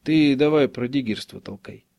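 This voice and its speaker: A man's voice: medium pitch, moderate pace, vocal fry, a little mellow, dry recording, lightly acted. A man voicing a blunt, impatient male companion who speaks brusquely. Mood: dismissive.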